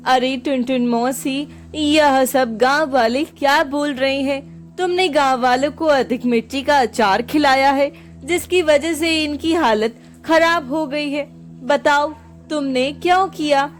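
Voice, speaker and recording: A woman's voice: high voice, slow, faint music behind. A woman voicing a stern village headman who questions sharply at a council.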